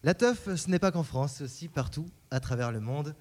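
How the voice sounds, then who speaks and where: A man's voice: on the high side, expressive, brisk, a little mellow. A man hosting a casual group chat, asking the others questions. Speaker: host. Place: inside a van.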